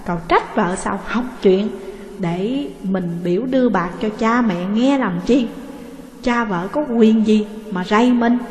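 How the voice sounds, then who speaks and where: A woman reading a story aloud with steady, expressive narration. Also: mid-range voice, unhurried, a little hiss or hum. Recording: echoey room with long reverb.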